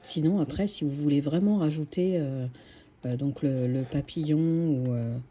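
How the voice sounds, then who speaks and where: A woman's voice: low-pitched, normal speed, dark tone. A woman hosting a screen-recorded craft tutorial, chatty and hesitant, with many fillers and restarts.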